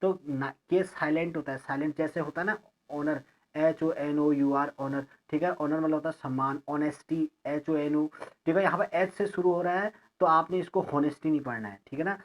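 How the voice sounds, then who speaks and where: Going slowly through each word, a somewhat high-voiced male teacher gives an English grammar lesson, spelling words letter by letter. He keeps checking in with the class, and the recording is lo-fi.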